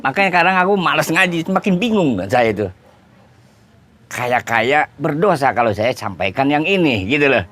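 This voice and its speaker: A man preaching in a relaxed, conversational lecture, explaining points with everyday examples. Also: lowish voice. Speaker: Islamic preacher. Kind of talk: informal religious lecture.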